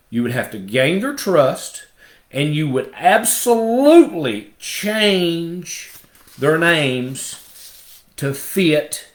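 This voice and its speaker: A man's voice: on the high side, reverberant. A man leading a Bible study, explaining step by step with emphatic asides.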